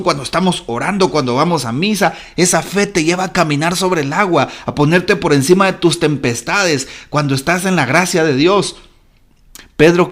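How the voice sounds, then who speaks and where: Brief: male priest, fairly high voice, fervent repetitive preaching, talks intimately to the listener, loud swells into hushed asides. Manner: addresses the listener directly and intimately. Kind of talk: devotional gospel reflection.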